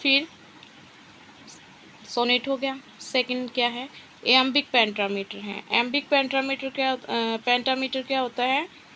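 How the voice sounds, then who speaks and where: A woman teacher giving an exam-prep literature lesson, explaining slowly and asking and answering her own questions. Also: high voice, fairly even intonation, pushed and bright, a little hiss or hum, low-quality recording.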